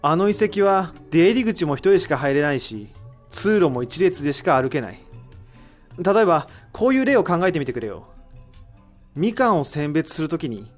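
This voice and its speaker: A man with a fairly high, very animated voice talks a little fast over soft background music. He's a voice actor in an amateur audio drama, playing an analytical character who explains his deductions about a mystery with assurance, posing rhetorical questions along the way.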